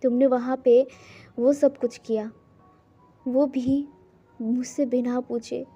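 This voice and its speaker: A man's voice: extremely high pitch, monotone, a little slow, warm tone. A man voicing a young man who scolds and pleads with his lover, in a reproachful, pleading manner. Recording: dull lo-fi recording, faint music.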